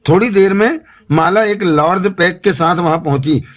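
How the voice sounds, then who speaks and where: A man's voice: high voice, moderate pace. Man reading a thriller audiobook. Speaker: audiobook narrator. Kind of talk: scripted narration.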